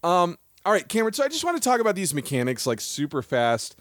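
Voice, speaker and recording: A man co-hosting a podcast in casual chat, animated and quick to laugh at himself. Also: sits high, no room sound, clean studio sound. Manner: animated, laughs often, self-deprecating. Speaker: podcast co-host.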